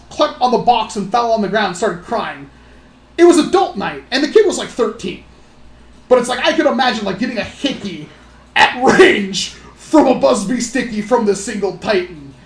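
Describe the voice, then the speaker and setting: A woman telling stories on a casual livestream in an animated, rambling way, acting out other people's voices. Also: on the high side. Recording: roomy echo.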